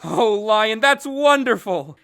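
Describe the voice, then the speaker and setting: A woman's voice: a little high, animated, takes it slowly, fairly bright tone, exaggerated voice. A teenage girl playing a devoted, emotional tin man in a stage play, earnest and theatrical, on a noisy recording. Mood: hopeful. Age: teens. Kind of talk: high school stage play acting.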